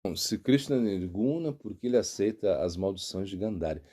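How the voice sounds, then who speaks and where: Brazilian man, middle-aged monk; lively pitch, mellow tone, unhurried sermon storytelling. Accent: Brazilian Portuguese. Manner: unhurried storytelling, searching aloud for words. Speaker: monk and spiritual teacher. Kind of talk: devotional sermon.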